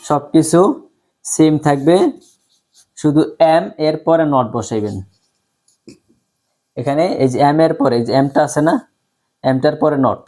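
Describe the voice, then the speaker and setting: A man teaching a spoken English lesson, explaining slowly and repetitively, often checking if his students understand. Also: fairly high pitch, darkish tone. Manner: slow, repetitive explaining with frequent check-ins; pronounces English example sentences very slowly.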